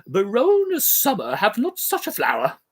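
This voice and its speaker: A woman voicing a composed noble mother who speaks in a measured, formal and persuasive way, in a theatrical play reading. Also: medium pitch, huge pitch swings, husky.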